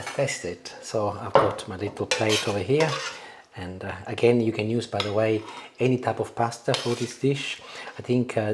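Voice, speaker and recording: Savouring what he cooks, a male cooking show host talks casually through a demonstration in a mid-range voice with a darkish tone. Kitchen clatter and background noise come through clearly.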